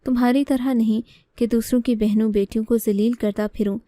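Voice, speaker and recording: A woman's voice: fairly high pitch, steady tone, mellow, dry recording, close to an everyday voice. A woman voicing a young man, the heroine's brother, speaking urgently and defensively. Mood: indignant.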